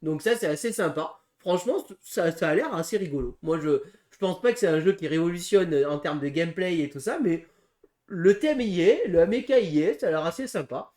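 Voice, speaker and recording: A man co-hosting a casual board game preview, talking through game rules with frequent pauses and restarts. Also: sits high, lively intonation, darkish tone. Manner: hesitant, full of pauses and restarts while explaining rules. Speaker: board game channel co-host.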